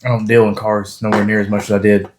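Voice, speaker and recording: A man's voice: fairly low pitch, little pitch movement, fast, a little mellow, a little hiss or hum. A man co-hosting a podcast, talking loosely and rambling, swearing often in casual chat among friends. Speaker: podcast co-host.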